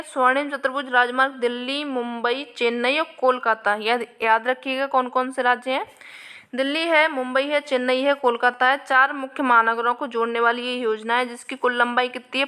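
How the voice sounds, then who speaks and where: A woman teacher goes through past exam questions in a walkthrough lesson, explaining every answer and repeating key points for her students, often addressing viewers with "आपके." Her high voice sounds pushed, bright and smooth.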